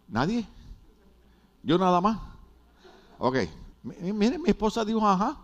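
A man pastor giving a humorous sermon in a church, joking with the congregation and swinging between loud and hushed. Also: high-pitched, measured pace. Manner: animated, jokey preaching with wide swings in loudness. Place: church hall.

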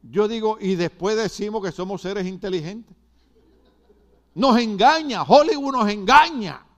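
High-voiced Puerto Rican preacher. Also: male voice, lively intonation, measured pace. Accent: Puerto Rican Spanish. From Puerto Rico. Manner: emphatic preaching with repetitions and asides to the congregation. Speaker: pastor. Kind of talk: sermon.

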